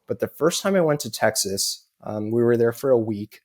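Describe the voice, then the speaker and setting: This American father tells a personal story on a podcast, sincere in tone and leaning heavily on "you know" as filler. He has a mid-range, slightly mellow voice, lively intonation, and a normal speaking speed.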